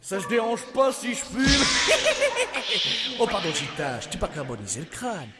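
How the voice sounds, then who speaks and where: Exuberant high-pitched cartoon genie. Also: male voice, wildly swooping pitch, measured pace, full character voice. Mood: playful, boastful. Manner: showy, theatrical genie patter, jumping between voices. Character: exuberant wisecracking male genie of the lamp. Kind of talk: French fan dub of an animated musical film. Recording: loud music behind the voice.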